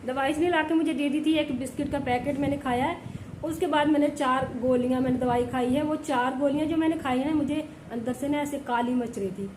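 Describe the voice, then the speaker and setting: A woman with a high voice talks straight to the camera while sick with a fever, complaining and repeating herself. She keeps checking in with her viewers. The room is echoey and loud noise runs behind her. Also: fairly quick. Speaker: village vlogger. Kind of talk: casual vlog talk to camera. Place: home indoors.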